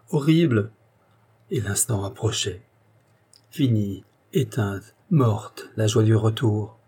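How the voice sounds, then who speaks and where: Male narrator with a husky, dark voice for an intense, anguished first-person tale. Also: medium pitch. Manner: intense, swells to anguished outbursts. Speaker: audiobook reader. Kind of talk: dramatic story reading.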